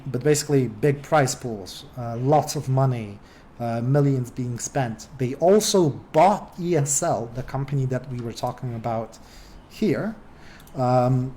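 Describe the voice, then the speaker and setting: A man's voice: mid-range voice, dark tone, a little hiss or hum. A young man giving an informal lecture in a debate workshop, talking casually with many fillers and dry sarcastic asides.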